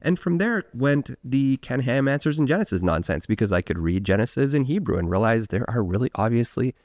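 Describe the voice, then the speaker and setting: A man's voice: mid-range voice, big pitch swings, brisk, a little mellow, dry recording, studio quality. A man, a biblical scholar, giving frank, conversational critical commentary. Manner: frank, conversational, laughs off points.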